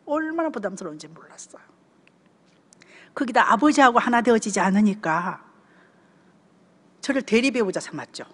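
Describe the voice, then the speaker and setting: A woman's voice: fairly high pitch, lively intonation, moderate pace, long pauses, long reverb tail. A woman in her seventies with a Gyeongsang accent, telling stories in a church seminar talk and often checking in with the audience. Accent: Gyeongsang Korean. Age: 70s. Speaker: church deaconess giving a family seminar talk. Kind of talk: conversational sermon talk.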